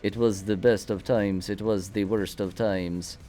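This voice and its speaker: A stiff male robot narrator, put on by a man reads in a slow, mechanical voice. The tone sits fairly low and sounds strangely unlike a natural speaker. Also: fairly even intonation, mellow, soft background music, close to an everyday voice. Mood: deadpan. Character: male robot narrator reading books aloud.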